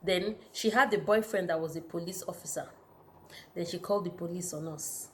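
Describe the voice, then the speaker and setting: A Nigerian woman in her thirties with a lowish voice tells personal stories in a relaxed sit-down vlog, talking a little fast and packing her chatter with fillers. A slight hiss or hum sits under the recording.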